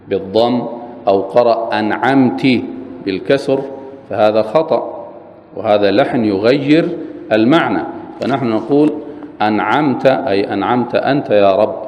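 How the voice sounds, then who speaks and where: A low-pitched man gives a lesson in a plain, steady way, restating each point and rattling off short recitations as examples. His voice rings with a long reverb, as if in a large hall. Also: lo-fi sound, a little hiss or hum. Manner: repeats key terms and demonstrates recitation quickly; plain, steady explanatory delivery with frequent clarifications. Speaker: religious teacher. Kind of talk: explaining prayer rules in a lesson.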